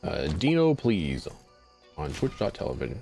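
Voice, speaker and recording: A man's voice: low voice, wildly swooping pitch, moderate pace, creaky, warm tone. A young man streaming live, chatting casually in a rambling, self-deprecating way and swearing freely. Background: faint music.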